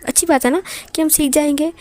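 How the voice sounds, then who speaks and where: A woman voicing a self-assured young man who teases and hushes his partner in a casual tone. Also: extremely high pitch, fairly even intonation, fast, no room sound, pitched above the performer's own voice. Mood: teasing. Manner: casual and teasing, firm when hushing.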